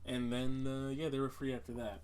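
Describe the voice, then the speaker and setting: A man's voice: medium pitch, little pitch movement, fairly quick, a little mellow, clear, resonant tone. A man co-hosting a podcast in casual chat, joking and rambling, often trailing off mid-thought. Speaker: podcast co-host.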